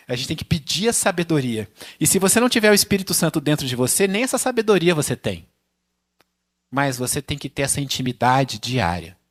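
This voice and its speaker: Male pastor, Brazilian accent, higher-pitched, casual sermon delivery with acted-out quotes. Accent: Brazilian Portuguese. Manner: conversational, acts out dialogue in varied voices.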